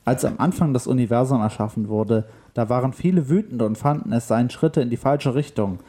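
Ein Mann spricht einen lässigen, unbekümmerten Raumschiffkapitän beim Vorlesen einer Geschichte. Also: male voice, mid-range voice, brisk, dark tone, husky, natural voice. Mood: breezy. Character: laid-back male space captain.

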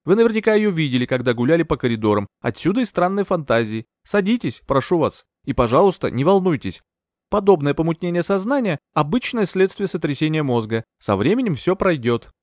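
A calm, condescending psychiatrist talks in an unruffled, professional tone with lively pitch movement, as a male audiobook reader plays him. The sound is dry and close. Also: brisk, dry recording. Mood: soothing. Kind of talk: audiobook character voice.

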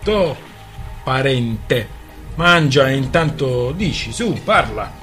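Scornful young nephew, put on by a male reader; loud, sarcastic, storybook reading. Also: a little high, animated, normal speed, faint music behind. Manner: sarcastic, bossy. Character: young nephew, tipsy, mocking and hard.

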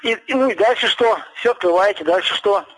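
A man's voice: high-pitched, fairly quick, fairly bright tone. A man taking an unexpected landline phone call, impatient and pressing for the point. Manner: impatient, keeps demanding the point. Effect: heard over a landline phone call.

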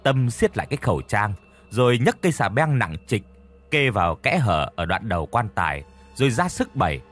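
A man tells a horror story in a husky voice that rises and falls with lively pitch. Soft music plays quietly behind him. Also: moderate pace. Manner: vivid, dramatic storytelling.

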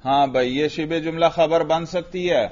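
A man's voice: fairly high pitch, a little mellow, highs cut off. A man teaching a grammar class, patiently questioning students and praising their answers.

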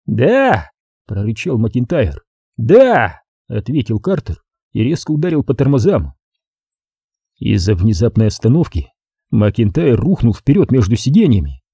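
A man narrating an audiobook crime story in a steady, expressive manner. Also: medium pitch, moderate pace, husky, no echo. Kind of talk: scripted narration.

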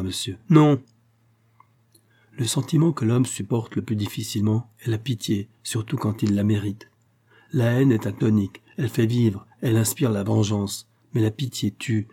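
A man narrating a classic novel as an audiobook in a measured, even way. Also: fairly low pitch, husky. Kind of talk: scripted literary narration.

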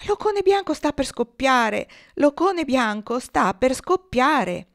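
A flock of frantic geese at the back of the formation, voiced by a woman. They cry out high and loud, stretching their calls in alarm. A storybook reading. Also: very animated, takes it slowly, full character voice. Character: frantic goose flock calling from the rear.

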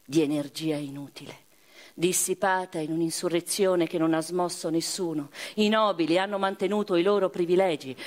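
Speaking in a lowish, natural voice, an actress gives a deliberate, literary monologue for radio theatre, pausing with intent. Her character is a proud woman revolutionary in prison who awaits execution and refuses to repent.

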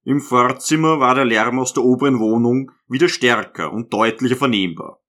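A man reads a classic novel aloud in a steady, measured voice of middling pitch. His narration is calm and even, setting out long sentences with care. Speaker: audiobook narrator. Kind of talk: literary audiobook narration.

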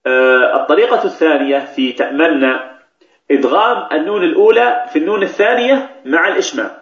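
A man teaching Quran recitation rules, explaining patiently and repeating key phrases. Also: fairly high pitch. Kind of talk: tajweed lesson with recited examples. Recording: echoey, dull lo-fi recording.

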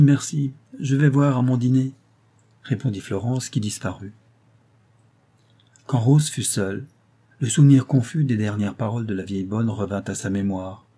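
A man narrating a novel in a measured, even reading. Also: on the low side, slightly rough. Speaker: audiobook narrator. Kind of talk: scripted literary narration.

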